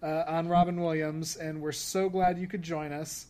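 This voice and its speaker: A man hosting a casual podcast, talking in halting bursts with many fillers. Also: a little high, little pitch movement, a little mellow. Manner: halting, filler-heavy, laughing. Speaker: podcast host.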